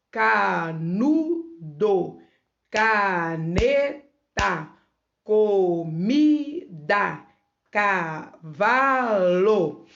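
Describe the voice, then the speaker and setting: Slow, gravelly-voiced woman teacher. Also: mid-range voice, lo-fi sound. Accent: Brazilian Portuguese. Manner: slow, syllable-by-syllable word demonstrations. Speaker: primary school teacher. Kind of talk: remote lesson for young children.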